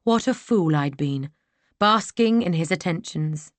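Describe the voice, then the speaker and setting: A woman narrating a historical mystery audiobook in a measured, earnest way. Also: fairly low pitch, expressive, no echo. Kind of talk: scripted narration.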